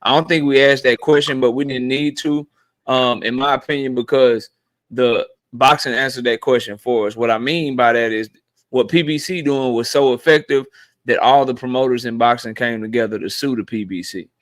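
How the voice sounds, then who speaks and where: Hosting a live boxing debate stream, a man argues his points bluntly and swears freely. His medium-pitched voice keeps fairly even intonation at normal speed, and the recording is dry with no room sound.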